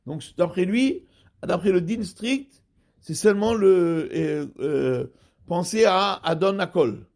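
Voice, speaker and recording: A man, a rabbi giving a Torah study lesson, explaining slowly and repeating and rephrasing terms. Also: high voice, a little mellow.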